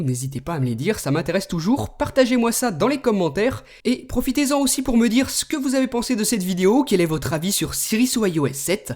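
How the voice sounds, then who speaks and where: A man hosting a tech video, explaining a phone's features in a relaxed way and speaking commands to it. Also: high-pitched. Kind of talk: screen demo tutorial.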